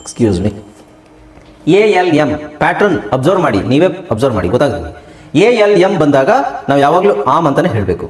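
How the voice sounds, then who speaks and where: A man teaching an English lesson, explaining letter by letter in a lively, emphatic way. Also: reverberant. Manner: fast sales pitch in the ad. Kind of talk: spoken English lesson with a promo break.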